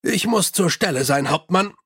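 Man doing a gruff, weary police commander. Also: sits high, lively intonation, moderate pace, a bit bright, exaggerated voice. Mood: commanding.

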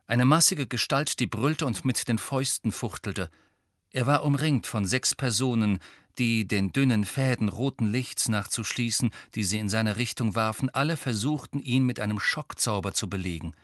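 A man narrating an audiobook in an expressive reading. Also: mid-range voice, normal speed, no room sound, studio quality. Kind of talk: scripted narration.

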